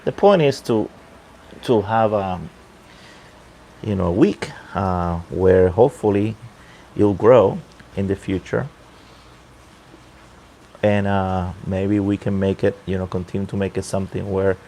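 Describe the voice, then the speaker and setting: A man talking casually off the cuff on a livestream, halting and unhurried, keeping his voice down outdoors on a balcony. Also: low-pitched, creaky, mellow. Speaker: livestream host and pipe hobbyist. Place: outdoor balcony at night near a pool. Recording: faint water noise in background.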